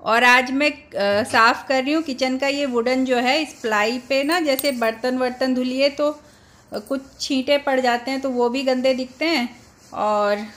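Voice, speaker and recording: A woman's voice: sits high, measured pace, fairly bright tone. A woman in her thirties vlogging about her housework in a casual, chatty way, explaining each chore step by step. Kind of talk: casual home vlog narration.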